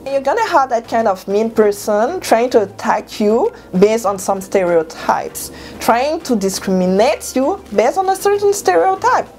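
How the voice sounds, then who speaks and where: A young woman from Cameroon giving motivational advice to camera in her bedroom, talking animatedly and jumping up in pitch for emphasis. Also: unhurried, hardly any pauses, soft background music. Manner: animated, gestures a lot, jumps up in pitch for emphasis. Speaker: vlogger. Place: bedroom at home, indoors. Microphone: clip-on lapel mic.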